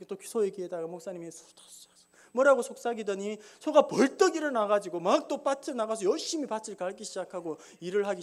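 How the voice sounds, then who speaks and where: Man preaching a conversational sermon. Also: sits high. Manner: conversational preaching with rhetorical questions and told jokes. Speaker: pastor. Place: church sanctuary.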